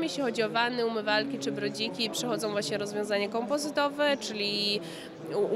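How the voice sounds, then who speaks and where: A woman in her thirties, her company's marketing manager, speaks with enthusiasm and explains things in an impromptu trade fair interview. Her voice is on the high side. She stands before a backdrop in an indoor exhibition hall, talking into a handheld mic held just out of frame below, while the crowded hall hums around her.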